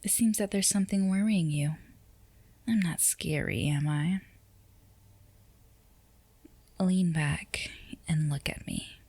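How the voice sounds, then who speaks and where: A woman acts as a dominant, flirtatious boss in an ASMR roleplay, her low, soft, husky voice dipping into whispers at a measured pace. The recording is very dry and close with no room sound, and she sounds teasing, self-assured and used to being obeyed.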